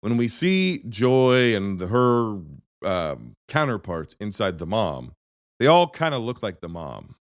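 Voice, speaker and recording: Smooth and on the low side, a podcast host's voice moves a little slowly as he chats casually about films, rambling and interrupting himself through animated stories. The sound is dry and clean, straight from a studio.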